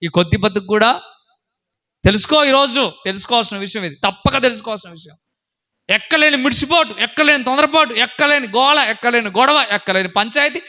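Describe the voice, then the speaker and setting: Preacher guy, high and sharp, keeps hammering questions, sermon. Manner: emphatic, repetitive questioning, rising to shouts; acts out characters in a story with changed voices.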